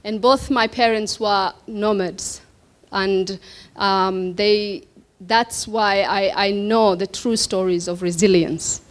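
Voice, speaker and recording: Speaking before an audience in an event hall, a woman from Somalia shares her own story as the keynote of an evening event. She is slow and unhurried, her pitch medium, and her reflective delivery is marked by many pauses and filler hesitations.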